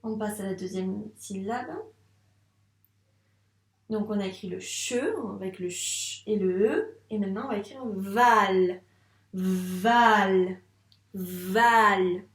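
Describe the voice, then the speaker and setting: French woman, early-grades teacher; slow, patient, sounds out syllables; echoey room. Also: mid-range voice, steady tone. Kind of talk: dictation lesson for a child.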